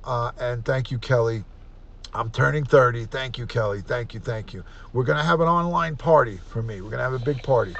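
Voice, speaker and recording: A man in his fifties with a gravelly New voice, hosting a live stream in a loose, chatty way. He runs through viewer names one by one and keeps thanking them as he signs off. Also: mid-range voice, fairly quick, fairly bright tone, highs cut off. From United States. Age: 50s. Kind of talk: casual live stream sign-off.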